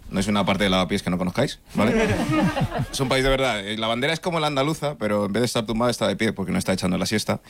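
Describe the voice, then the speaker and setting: A man's voice: fairly low pitch, big pitch swings, racing, creaky, background noise. Nigerian-born guy doing stand-up, chatty, keeps asking the crowd "ok?". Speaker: stand-up comedian. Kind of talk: stand-up comedy set.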